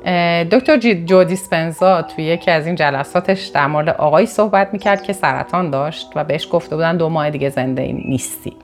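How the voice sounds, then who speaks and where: Woman, from northern Iran, motivational talk, fairly low voice, sudden emphatic pitch rises, restarts mid-sentence, faint music behind. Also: few pauses. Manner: repeats and corrects herself mid-sentence. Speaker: motivational speaker. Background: faint background music.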